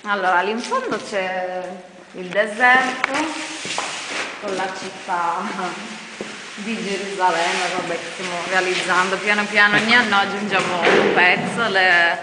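A woman's voice: mid-range voice, fairly even intonation, a little slow. A woman volunteer answering interview questions casually and hesitantly, with many fillers, inside a large church. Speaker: nativity scene volunteer. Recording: echoey church hall, background noise.

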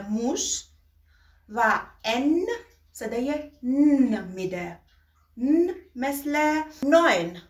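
Woman, higher voice, teaching beginners the alphabet, drawn-out example words, roomy echo, a little off mic. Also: far from the mic. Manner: slow, drawn-out example words, quick asides. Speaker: German teacher.

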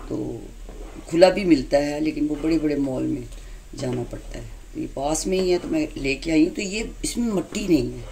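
A woman hosting a home cooking demonstration, explaining each step calmly and patiently. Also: deep voice, a little hiss or hum. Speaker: cooking channel host. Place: home kitchen.

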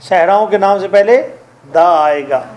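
High-voiced Pakistani teacher drilling grammar. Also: male voice, unhurried, darkish tone. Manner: drills rules, quizzes students. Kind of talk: classroom grammar lesson.

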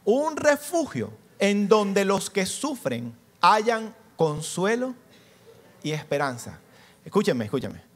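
A man with a fairly high voice gives an interactive church teaching, firing questions at the congregation. He moves from bold, rising calls down to soft, tender passages as he acts out little scenes. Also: big pitch swings, slow pace. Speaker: pastor.

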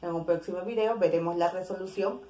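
Woman teacher, lowish voice, methodical explainer with tag questions, recorded in a roomy echo. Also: dark tone. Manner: explains slowly, listing examples with frequent "¿no?" checks. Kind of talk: recorded language lesson.

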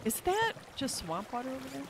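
A woman chatting casually as co-player on a game stream, cheerful and quick to react. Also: high-pitched, big pitch swings, background noise. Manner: cheerful, quick to gasp and laugh. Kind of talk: casual gameplay chat.

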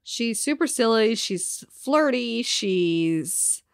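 A woman co-hosting a podcast, talking casually about a book in a lively, blunt way and swearing freely. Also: a little high, very slow, clean tone, no echo, clean studio sound. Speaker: podcast co-host.

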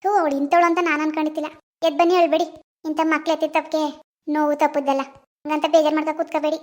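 Woman doing an angry bossy village lady from a cartoon, scolding fast and shrill. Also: flat delivery, lightly acted. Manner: scolding, indignant, rapid. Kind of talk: animated village drama voice acting.

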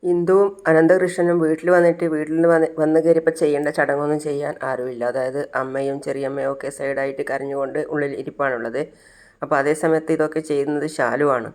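Give me a channel host, a man, retelling a TV serial episode in a slightly high voice. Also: level tone, darkish tone. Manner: fast retelling with acted-out quotes.

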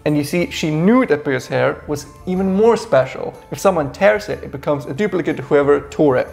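A man's voice: a little high, animated, fairly quick, gravelly, a little mellow, faint music behind. A man in his thirties co-hosting a game review, telling the backstory with wry sarcasm in a small indoor room. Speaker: co-host reviewing a game adventure. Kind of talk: casual review chat.

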